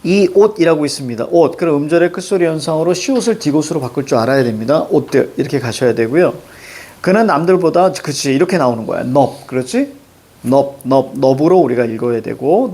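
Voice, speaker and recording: Animated male grammar teacher. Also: fairly high pitch. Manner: walks through pronunciation rules step by step, with frequent "자" prompts. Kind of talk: classroom grammar lesson.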